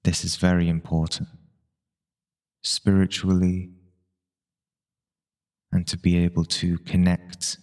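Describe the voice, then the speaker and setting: A deep-voiced man leads a meditation extremely slowly, his calm delivery very even with little rise or fall. He offers gentle instructions in short phrases, pausing at length between each.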